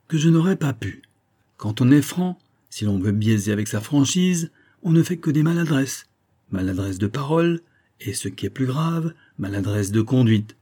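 A man's voice: mid-range voice, dark tone, breathy edge. A man voicing a frank, fatherly older baron who speaks earnestly and cordially.

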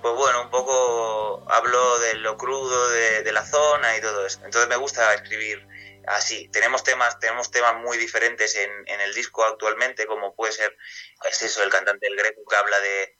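Brief: male singer from central Spain, radio guest, very bright tone, low-ish pitch, loose rambling answers. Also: little pitch movement, normal speed, highs cut off, faint music behind. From Castilla-La Mancha, Spain. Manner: rambling, casual, many restarts and fillers.

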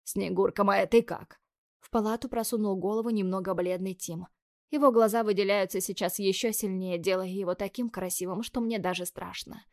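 A woman's voice: medium pitch, steady tone, brisk, a little mellow, no room sound. Young woman narrator, wry first-person read, dry booth sound, close mic. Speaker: audiobook narrator.

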